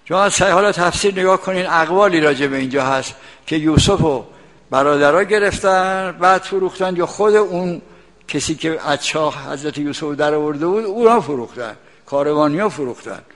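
A man's voice: fairly high pitch, fairly bright tone, big-room sound. An older man giving a religious commentary, reciting verses and explaining each one in plain everyday speech. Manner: recites Arabic verses, then explains them in colloquial Persian. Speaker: Quran commentator.

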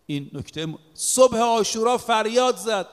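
A man's voice: sits high, lively intonation, clear, resonant tone. A man giving a religious sermon as a preacher, speaking emphatically and weaving in recited Arabic scripture. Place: in or near Qom. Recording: long reverb of a large hall.

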